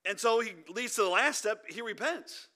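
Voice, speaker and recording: A man preaching a sermon as pastor in a church, emphatic, swinging between loud urging and quiet intensity. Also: sits high, lively intonation, moderate pace.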